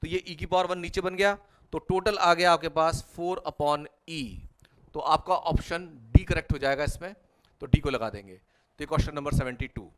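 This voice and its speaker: Fairly high-voiced male maths tutor. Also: normal speed, fairly bright tone. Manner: talks students step by step through working out each problem. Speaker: mathematics tutor. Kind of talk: whiteboard problem-solving lecture.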